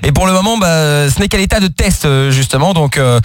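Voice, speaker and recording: A man's voice: fairly high pitch, lively intonation, a little fast, dry recording. A man hosting a late-night radio call-in show, teasing and joking with callers in a studio. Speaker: radio host.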